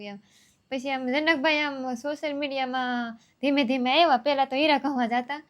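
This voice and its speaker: A young village woman talks in a loose, rambling way and circles back over her points. Her voice sits high. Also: a bit bright. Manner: rambling, homely, repeats herself. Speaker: vlogger. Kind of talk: casual storytelling.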